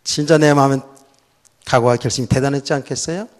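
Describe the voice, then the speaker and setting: A middle-aged man, a pastor, telling a personal story in a sermon, swinging between loud outbursts and soft, low asides. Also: steady tone, fast. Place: church sanctuary.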